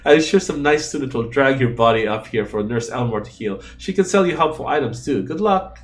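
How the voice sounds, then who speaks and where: A man's voice: mid-range voice, lively intonation, a little fast, natural voice. A man voicing a worried, eager young first-year wizard student in a fantasy game. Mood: relieved, eager.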